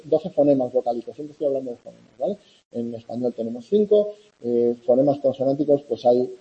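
A man from giving a university lecture in a conversational way, often checking in with students and filling pauses. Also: on the high side, dull audio. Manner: conversational, with many fillers and "¿vale?" checks. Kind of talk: classroom lecture.

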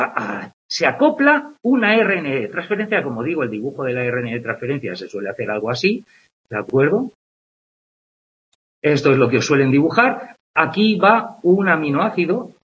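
Lively, high-pitched Spanish teacher. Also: male voice, highs cut off. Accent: Spain Spanish. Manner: conversational, checks in with "¿vale?" and "¿de acuerdo?"; explains with playful comparisons. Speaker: biology teacher. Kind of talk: online lecture with on-screen drawing.

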